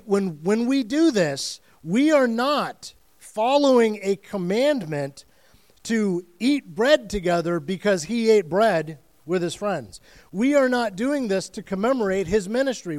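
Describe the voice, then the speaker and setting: A man's voice: high voice, darkish tone. A man preaching a communion sermon as the church's student and family pastor, speaking earnestly and emphatically with frequent restarts.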